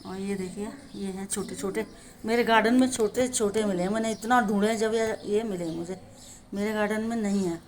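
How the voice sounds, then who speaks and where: Hosting a home gardening channel, a woman with a medium-pitched, steady voice talks at a normal speed. Her demonstration is a casual, homely show-and-tell, and she chats warmly, often checking in with the viewer by asking "है ना".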